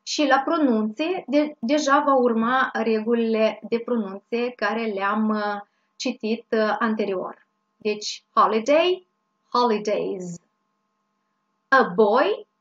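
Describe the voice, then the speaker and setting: A woman from Romania teaching English grammar, explaining each rule slowly and repeating it with small hesitations. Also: on the high side, a bit bright. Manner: slow, explains each rule twice with fillers. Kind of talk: bilingual grammar lesson. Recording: dull lo-fi sound.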